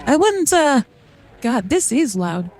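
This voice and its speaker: Soft music plays behind this VTuber, whose voice changer gives a feminine sound. Pitched high and sing-song, the voice takes its time and has a slightly mellow quality during casual, filler-heavy game chat.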